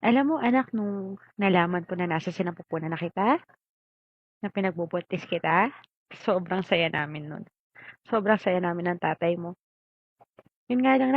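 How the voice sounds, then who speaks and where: A woman's voice: on the low side, no room sound, lo-fi sound. A middle-aged woman speaking as a mother to her grown child, reading a heartfelt spoken letter in a tender, pleading way with many rhetorical questions.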